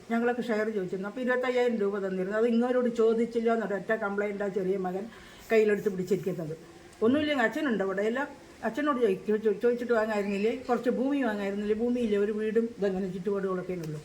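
An older woman who lives in a care home speaks quickly, telling her story in an emotional interview. She stumbles, restarts and repeats herself as she talks through her grief. Her voice sits at a middle pitch, and a faint hum runs behind it. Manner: halting, grieving, repeats herself.

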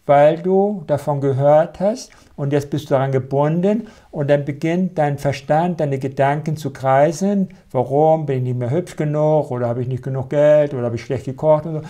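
A man giving a live spiritual talk as a meditation teacher, calm and gently reassuring, often checking in with a questioning tag. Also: fairly high pitch, normal speed.

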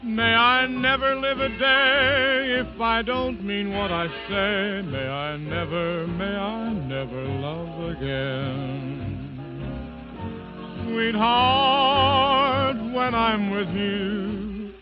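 A male band singer crooning a slow ballad, heard through an old, muffled AM radio sound over a dance band. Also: high voice. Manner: smooth sustained crooning. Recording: muffled 1940s record over loud band. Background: loud dance band music.

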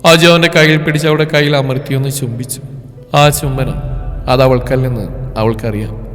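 Male narrator with a mid-pitched voice, slow and tender delivery, long reverb and faint music underneath. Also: fairly even intonation, fairly bright tone. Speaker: storyteller. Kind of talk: scripted story narration.

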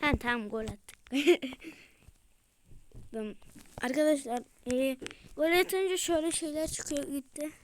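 Woman gamer, very high bright voice, unhurried delivery, excitable shouts and whispers over her own play. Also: a little hiss or hum. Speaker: gamer playing a football video game. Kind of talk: excited let's-play commentary.

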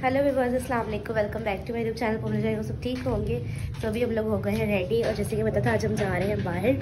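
A woman's voice: a little high, steady tone, fast talker, over music, low-quality recording. A woman in her thirties vlogging casually to a phone held at arm's length, chatting and narrating as she goes. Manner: chatty, narrates to camera with light laughs. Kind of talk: casual vlog chat. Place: car, then busy indoor amusement center. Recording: loud crowd and traffic noise.

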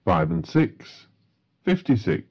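Slow, gravelly male bingo caller. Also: fairly high pitch, animated, highs cut off. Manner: formulaic, matter-of-fact bingo caller delivery. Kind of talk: bingo calling, each number announced in a set phrase.

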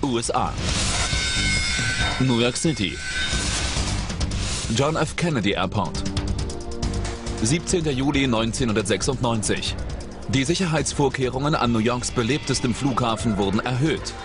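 A man's voice: medium pitch, animated, measured pace, long pauses. Suspenseful male documentary narrator over music. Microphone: studio voice-over. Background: dramatic music.

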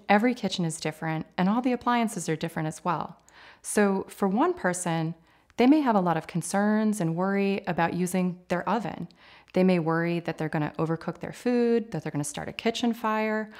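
A woman in her forties, an occupational therapist, explaining things in a clear, measured, instructive way in a home kitchen. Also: on the low side, darkish tone. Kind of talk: explanatory interview talk.

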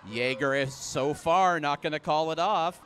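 A man calling live play-by-play, with brisk calls that jump up in pitch and loudness on big plays. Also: soft background music. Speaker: play-by-play commentator. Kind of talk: live sports commentary.

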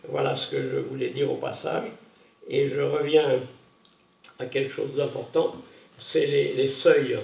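Gravelly man lecturing in an echoey hall. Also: mid-range voice, sing-song, measured pace, darkish tone, distant mic. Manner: hesitant, many fillers and restarts. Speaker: conference speaker. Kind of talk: public lecture. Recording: echoey room, voice from afar.

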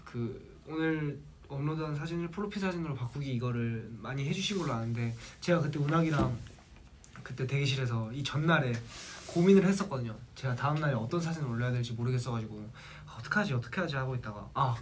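A young adult from South Jeolla, Korea, an idol group member, livestreams from a small room with a plain wall. In a mid-range voice he quickly chats, tells stories and reads a list to fans, over a little hiss or hum.

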